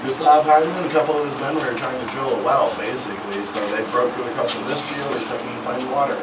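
Male tour guide, young adult, wry and informal, cave echo, distant camera mic with loud background noise. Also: medium pitch. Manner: casual, wry, practised patter. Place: inside a small rocky cave underground. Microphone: distant handheld camera mic.

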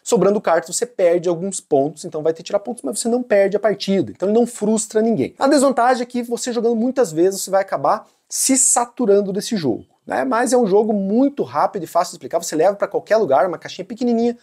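A Brazilian woman gives a casual board game tutorial and review, talking informally and often checking in with short tags. Her mid-range voice is expressive, dark and husky, and she talks fast with few pauses.

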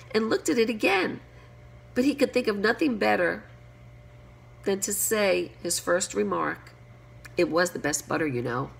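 A woman reading a children's story aloud, lively and giving each character a voice. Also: mid-range voice, creaky, a little hiss or hum, low-quality recording.

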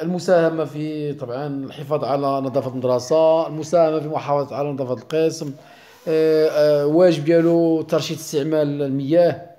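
A man's voice: fairly high pitch, mellow. A middle-aged man with a Moroccan Arabic accent, a primary school teacher going through a worksheet, mixing dialect with formal Arabic and hesitating often. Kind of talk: explaining a worksheet.

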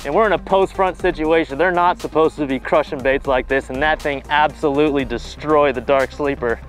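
With a slightly high voice and a brisk pace, this thirtysomething bass pro teaches fishing outdoors from his boat in a laid-back way. He sounds genuinely keen and leans on "you know" as a filler. Gentle music runs underneath.

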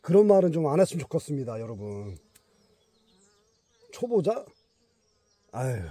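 Out in a mountain forest, a middle-aged beekeeper vlogger chats with emphasis to both his bees and his audience in a casual outdoor vlog. His mid-range voice is dark and husky, with big pitch swings and a quick pace, recorded with no echo.

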